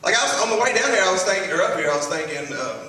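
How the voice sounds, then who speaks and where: A man's voice: high voice, big pitch swings, racing, sharp tone. A man from the United States doing folksy, self-deprecating stand-up comedy in a conversational way. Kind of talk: stand-up comedy before an audience. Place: live comedy show stage. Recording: echoey live stage, distant, noisy.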